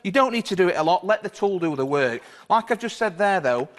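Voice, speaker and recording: A man's voice: sits high, expressive, brisk. A British man presenting like a home shopping host, demonstrating step by step in an informal, reassuring way. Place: television studio.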